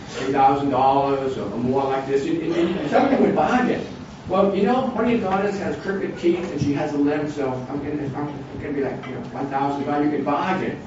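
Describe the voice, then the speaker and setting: A man's voice: on the high side, very echoey. A man in his sixties leading an informal Bible study, rambling with many restarts and asides. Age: 60s. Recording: distant, dull, noisy room recording.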